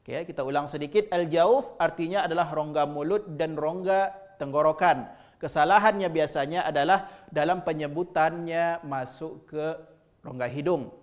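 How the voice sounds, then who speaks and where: A man's voice: a little high, moderate pace. A man teaching Arabic letter pronunciation, patiently drilling syllables aloud and repeating each sound. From Indonesia. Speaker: Quran recitation teacher.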